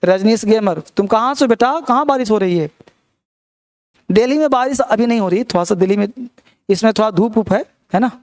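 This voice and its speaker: A man's voice: sits high, fast, darkish tone. A man teaching English grammar in a live online class, reassuring his students, repeating his points and quizzing them.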